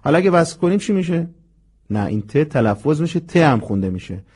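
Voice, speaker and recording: A man teaching a Quran memorization lesson. He explains patiently and slowly models the Arabic pronunciation. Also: fairly high pitch, very animated, a little mellow, slightly rough. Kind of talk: recitation lesson.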